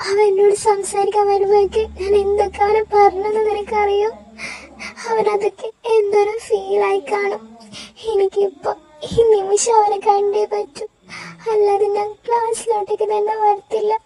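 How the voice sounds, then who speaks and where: Woman voicing a very high-pitched anxious young woman. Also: completely flat delivery, moderate pace, mellow, rough recording. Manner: pleading, emotional. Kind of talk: amateur audio drama.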